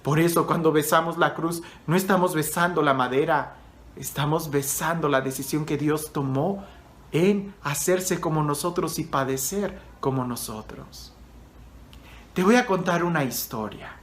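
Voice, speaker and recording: A man's voice: on the high side, measured pace, fairly bright tone, roomy sound. A male priest telling a story in a conversational sermon, addressing the listener directly.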